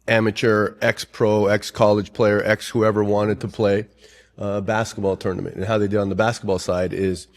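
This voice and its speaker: A man's voice: low voice, a little mellow. A middle-aged man, a soccer coach, chatting on a podcast and explaining tactics in a rambling way, with frequent restarts. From Chile. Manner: rambling, detail-focused explanations with many restarts. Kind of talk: casual podcast chat.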